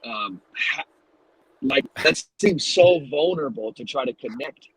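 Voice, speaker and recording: A man's voice: mid-range voice, animated, measured pace, a bit bright, breathy edge, dry recording, poor audio. A man hosting a podcast, asking long, searching, rambling questions in a casual interview. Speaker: podcast host.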